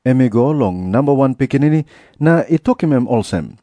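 A man's voice: mid-range voice, animated, brisk, mellow, no echo, close to an everyday voice. A man with a Papua New Guinean accent playing an authoritative teacher in an audio Bible drama. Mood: firm, challenging. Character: Jesus, an authoritative male teacher and preacher.

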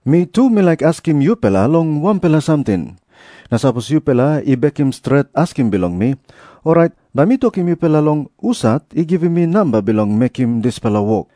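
Animated Papua New Guinean Jesus. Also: male voice, fairly high pitch, fairly quick, no room sound, studio quality. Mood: firm, challenging. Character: Jesus, an authoritative male teacher and preacher. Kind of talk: scripted audio Bible drama.

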